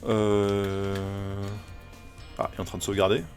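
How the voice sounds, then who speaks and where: A man's voice: lowish voice, completely flat delivery, a little slow, darkish tone, faint music behind. A man streaming a video game, chatting casually and rambling with many fillers and restarts. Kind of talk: casual live gameplay commentary.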